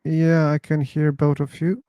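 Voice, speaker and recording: A man hosting a livestream talks in an unhurried, musing way, as if thinking out loud between callers. His voice is mellow and warm, set close and dry with no room sound. He drawls through the pauses at a very slow pace. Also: on the high side, flat delivery, clean tone, no room sound. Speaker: host of an online discussion livestream. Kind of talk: casual livestream chat.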